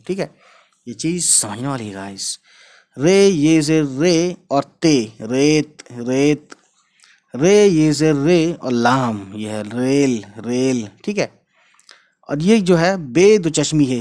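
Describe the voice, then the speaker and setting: Man slowly spelling out words letter by letter. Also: fairly high pitch, darkish tone. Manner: slow, repeats each word several times and spells it out letter by letter; mixes English words into his talk. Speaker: Urdu teacher. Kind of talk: casual spoken lesson.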